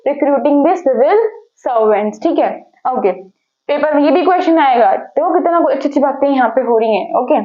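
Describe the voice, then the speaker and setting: A young woman teaches in a high, chatty voice. She asks her own questions and answers them, and slows right down to read out English phrases. The room is echoey and the recording sounds a little muffled. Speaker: exam-prep teacher. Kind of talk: casual Hindi-English lecture.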